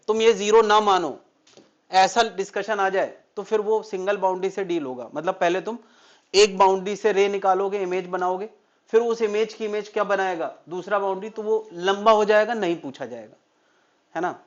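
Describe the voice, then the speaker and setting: Male physics teacher, high voice, quizzing the class and answering himself; muffled lo-fi audio. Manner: asks the class questions and answers them himself. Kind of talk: classroom lecture.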